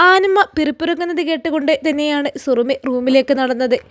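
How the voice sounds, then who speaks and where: A woman storyteller giving scripted story narration in a steady, dramatic manner. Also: high-pitched, brisk, no room sound.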